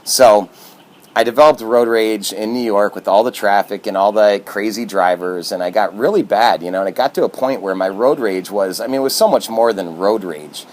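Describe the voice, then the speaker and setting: A man's voice: fairly low pitch, normal speed. A man from Michigan giving casual motivational talk to camera as a self-help vlogger, upbeat and earnest, with plenty of fillers.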